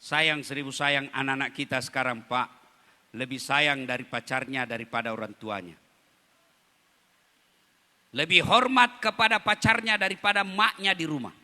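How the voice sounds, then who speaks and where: A male preacher at a condolence gathering, telling stories in a dramatic, animated sermon and calling out directly to his listeners. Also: mid-range voice, moderate pace, pauses often, long reverb tail. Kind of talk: storytelling sermon.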